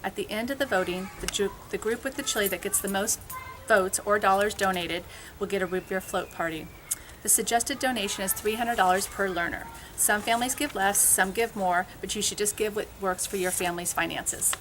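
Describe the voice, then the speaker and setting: A woman's voice: medium pitch, a little fast, music in the background. A woman co-chairing a school fundraiser, reading a friendly scripted announcement. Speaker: event co-chair.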